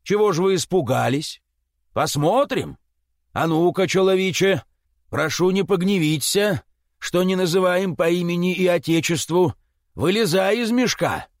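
A man's voice: sits high, a little slow, dry recording, clean studio sound, voice pushed up. A man voicing a blunt, suspicious middle-aged Cossack villager who exclaims and grumbles. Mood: blustering.

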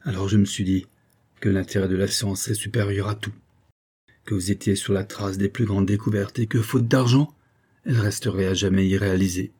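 A man doing a devoted assistant pouring out his confession to his master. The voice is low and husky and presses on in earnest pleas, as in a read-aloud novel. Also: fairly even intonation, brisk, a little mellow. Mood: confessing. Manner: fervent, pleading. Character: guilt-ridden male assistant confessing a murder.

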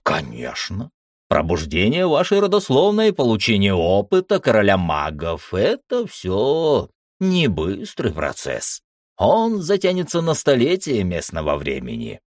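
An ancient male mage king speaks low and unhurried, every word solemn and measured, as a male audiobook narrator puts him on. His deep voice carries a faint, aged quality, as if reaching the listener from far off. The recording is dry and close. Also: huge pitch swings, no echo. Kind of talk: audiobook character voice.

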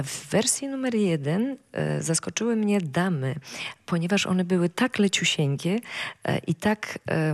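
A woman speaks as a music critic on a radio panel, her voice carrying a gravelly fry. She weighs each point in a measured, analytical way and chooses her words with precision, as in a studio discussion. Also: sits low.

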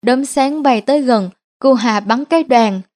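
A woman with a Central Vietnamese accent telling a comic folk story with lively rhythm. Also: high-pitched, a little slow.

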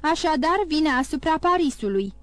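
A woman's voice: high voice, lively intonation, fairly bright tone, dry recording, voice pushed up. A woman voicing an aging king who is imperious and alarmed, firing commanding questions at his ministers. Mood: anxious.

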